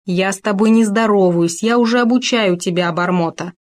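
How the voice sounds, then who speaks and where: A woman's voice: medium pitch, animated, normal speed, lightly acted. A woman voicing a pompous male hamster who puts on sugary, affected foreign manners. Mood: irritated.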